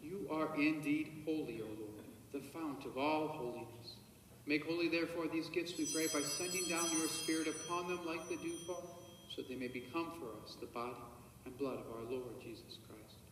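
A male priest whose voice is on the high side says Mass at the altar, reciting liturgical prayers in a measured, solemn way and murmuring private ones quietly. He is heard from a far camera in a large church, with echo and a faint hiss.

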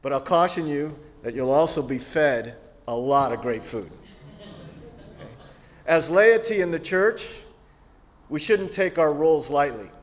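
Middle-aged layman, plain steady delivery, prepared church announcement at the lectern. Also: fairly high pitch, measured pace, pauses often. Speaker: lay church member announcing a retreat.

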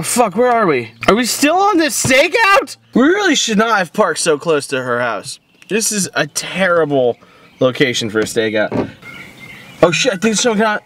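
A man's voice: high-pitched, fairly bright tone, slight background noise. A man playing a drunk, heartbroken detective. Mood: agitated. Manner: rambling, crude and self-pitying, swearing often. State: drunk and weepy. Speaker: comedy web host playing a detective. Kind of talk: improvised comedy monologue. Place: parked car.

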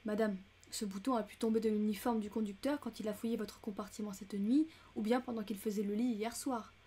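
A woman reading as a calm, courteous male detective. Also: medium pitch, a little fast, breathy edge, close to an everyday voice. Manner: soothing and courteous. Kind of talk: audiobook character reading.

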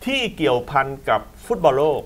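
A man at a TV studio desk holds forth on football, emphatic and lecturing, drifting into long asides. His voice sits at an ordinary middle pitch, and he sounds like a seasoned talk show host. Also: very animated, brisk, fairly bright tone.

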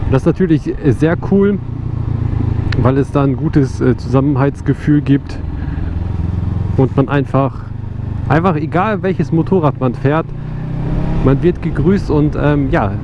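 A young man chatting casually and reflectively as a motovlogger while riding, in informal speech. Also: a little high. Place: outdoors on a motorcycle on open roads. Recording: muffled helmet recording with loud engine noise. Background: engine, wind and road noise.

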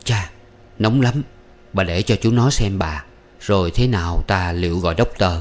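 Man doing firm older brother, low commanding voice, storybook. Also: moderate pace, lightly acted. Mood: urgent. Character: eldest brother, firm and caring.

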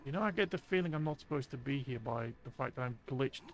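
A man giving casual live gameplay commentary with a friend, monotone and deadpan, swearing as he jokes. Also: mid-range voice, quick pace. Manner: monotone, deadpan, profane joking. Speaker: video game streamer. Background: zombie game sounds.

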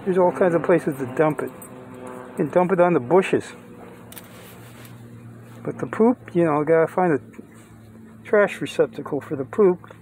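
A man's voice: a little high, unhurried, pauses often, a little mellow, slight background noise. An older man filming himself on his phone, talking casually and rambling, often restarting and working out sums aloud, first outdoors in a park and later inside a van. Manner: rambling, plainspoken, with restarts and mental math. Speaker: vlogger. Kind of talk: casual self-filmed vlog. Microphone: phone held close.

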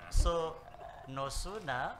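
A man speaking on a conference panel about boardroom risk, in a measured way, often repeating words and pausing with fillers. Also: on the high side, a loud crowd. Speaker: panel speaker on corporate governance. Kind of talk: spoken panel talk. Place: conference room with live and online audience.

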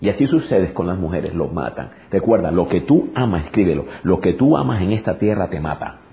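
A man's voice: low voice, sing-song, a little fast, creaky. A male pastor preaching a sermon emphatically, repeating phrases and throwing rhetorical questions at the congregation. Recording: dull lo-fi recording.

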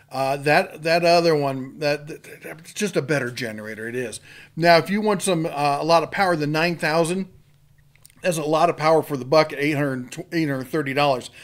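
Middle-aged tool guy rambling thru deals, kinda high voice, lots of uh and restarts. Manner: rambling, folksy, restarts and fillers. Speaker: tool channel host. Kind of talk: casual product rundown.

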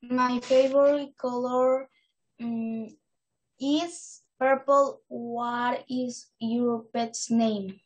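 A young girl recites an English practice dialogue with care. Her voice is high and husky, and she keeps it flat and very slow. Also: low-quality recording. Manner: reads practice dialogue lines carefully. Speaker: student.

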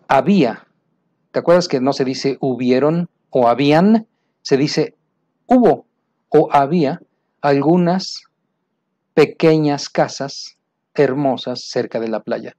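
A man's voice: fairly high pitch, mellow. A male English teacher, patiently explaining grammar mistakes and checking often that the learner follows. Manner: patient, checks understanding with frequent "¿sí?" and "mira". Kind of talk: explaining English grammar errors to Spanish speakers. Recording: dull lo-fi sound.

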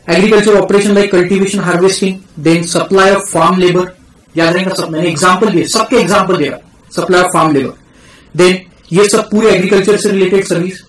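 Indian guy teaching a tax class, calls students beta, repeats key terms slow, echoey room. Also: high-pitched, fairly even intonation. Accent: Indian English. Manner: mixes Hindi and English, calls students "beta", drills key terms slowly. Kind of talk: classroom lecture.

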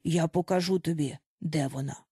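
Storybook boy, grave and quiet, voice pitched low and hushed, as a woman reader puts him on. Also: normal speed, breathy edge, no room sound, clean studio sound. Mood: subdued. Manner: lower, quiet and grave, dignified. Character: solemn, remorseful young boy of the band. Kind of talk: audiobook character voice.

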